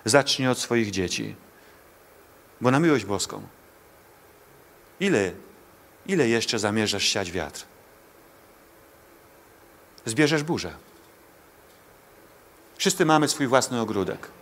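A man's voice: medium pitch, big pitch swings, takes it slowly, long pauses, fairly bright tone. Man preaching a pleading sermon. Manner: direct, pleading, with rhetorical questions to the congregation. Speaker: pastor. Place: church before a congregation.

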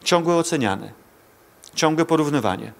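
A man's voice: fairly high pitch, lively intonation, a little slow, vocal fry. A male pastor preaching a sermon to a congregation in church, speaking directly to listeners, pleading and asking rhetorical questions.

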